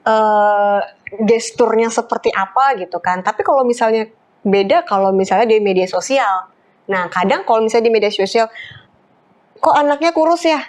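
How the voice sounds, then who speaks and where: Woman, health talk guest, long explanations, filler-heavy, mid pitch. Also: moderate pace. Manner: explains at length with many fillers, acts out quoted remarks. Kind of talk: explanatory talk show chat.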